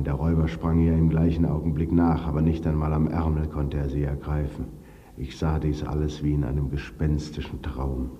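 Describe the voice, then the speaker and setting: A man reading a dark literary story in a grave, brooding way, at times dropping to a whisper. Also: rumbling low. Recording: dull reverberant recording.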